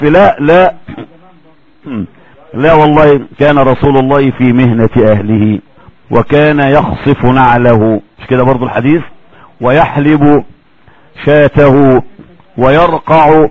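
A man's voice: mid-range voice, normal speed, long pauses, no room sound, dull audio. Egyptian man giving a religious lecture. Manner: colloquial, animated, acts out quoted voices.

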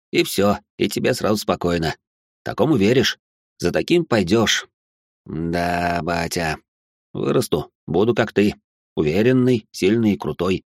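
A man's voice: lowish voice, breathy edge, dry recording, clean studio sound. A man narrating an audiobook in a wry, sardonic first-person voice. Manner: wry, sardonic inner monologue.

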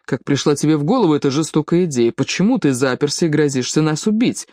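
A woman's voice: deep voice, animated, fast talker, darkish tone, dry recording. A woman reading a pompous middle-aged male burgomaster who coaxes and snaps in turn. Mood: coaxing. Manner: alternately coaxing and angry.

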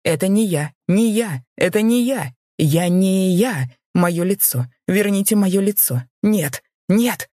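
A woman's voice: lively intonation, slow, few pauses, dark tone, no room sound, clean studio sound. A woman reading as a fat deposed king who babbles frantically and shrilly. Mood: panicked. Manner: frantic, shrill, repeating himself.

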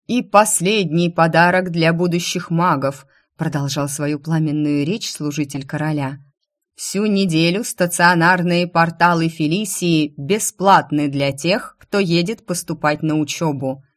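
A woman reading a booming royal herald. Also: measured pace. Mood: rousing. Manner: declaiming, rousing. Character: loud male royal herald proclaiming.

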